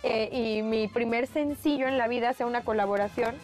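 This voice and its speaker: A young Mexican woman talks as a guest on a radio interview in a high voice. She tells her stories quickly and bubbly, acting out the voices in them. Faint music plays underneath. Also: a little mellow. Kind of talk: casual interview chat.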